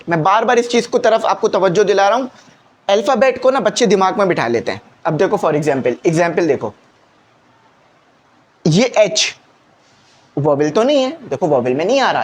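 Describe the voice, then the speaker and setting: A man teaching a classroom grammar lesson who talks patiently, repeats his key points and keeps asking rhetorical questions. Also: high voice.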